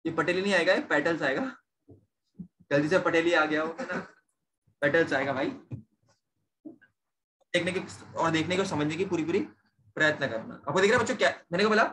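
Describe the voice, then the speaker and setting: A man's voice: a little high, fairly quick, long pauses, fairly bright tone, a little hiss or hum. A young man teaching a science class, repeating questions to his students and mixing in English terms. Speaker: science tutor. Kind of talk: online class lecture.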